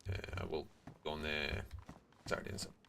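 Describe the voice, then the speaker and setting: A man's voice: a bass voice, steady tone, brisk, gravelly, sharp tone, a little hiss or hum. A man streaming a survival game, chatting casually and rambling with frequent restarts. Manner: rambling, chatty, self-correcting. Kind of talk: casual livestream chat while gaming.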